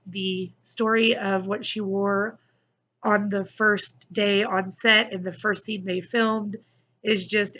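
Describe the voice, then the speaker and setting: A woman's voice: medium pitch, fairly bright tone. A woman giving a casual, gushing book review in an effusive, enthusiastic manner.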